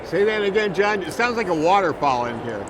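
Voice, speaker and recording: A man reporting in an unscripted news discussion, explaining things in a halting, measured way. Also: high-pitched, very animated, crowd noise. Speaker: public broadcasting reporter. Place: noisy capitol building. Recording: noisy hall, loud waterfall-like din.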